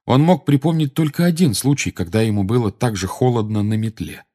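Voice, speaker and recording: A man narrating an audiobook in a measured storytelling manner. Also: medium pitch, warm tone. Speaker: audiobook reader. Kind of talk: scripted narration.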